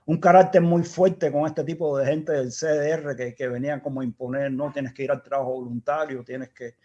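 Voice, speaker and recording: A Cuban engineer with a Cuban accent guests on a casual storytelling interview, reflectively rambling through memories with restarts. His medium-pitched voice is warm and fairly even at a normal speed. The recording has dull lo-fi sound.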